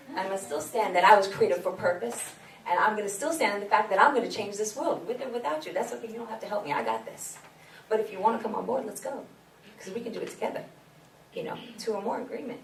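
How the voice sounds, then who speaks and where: A woman's voice: mid-range voice, distant mic. A woman giving a motivational faith talk to a youth leadership forum, earnest and repetitive in her encouragement. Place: event hall. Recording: echoey hall, mic from afar, background noise.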